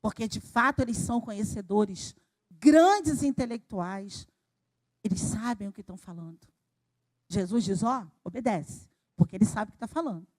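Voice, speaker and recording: A woman from Brazil preaching a sermon at a church service, talking in an animated way that swells to emphasis and then drops low. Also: moderate pace. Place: church sanctuary.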